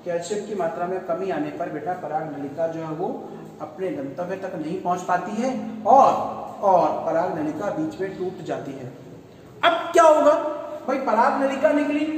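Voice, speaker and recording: A man's voice: very high voice, a little hiss or hum. A man teaching a biology class in Hindi. He keeps asking his students questions and answers them himself, repeating key terms. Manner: addresses students as "beta". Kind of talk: classroom lecture. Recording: echoey room, voice from far off.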